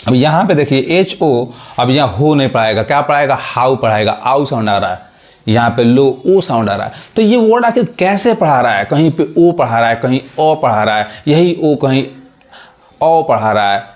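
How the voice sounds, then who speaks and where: A man with a medium-pitched, expressive voice and a normal pace teaches an English pronunciation class. He spells words out one letter at a time and keeps asking check questions to see whether the students are following.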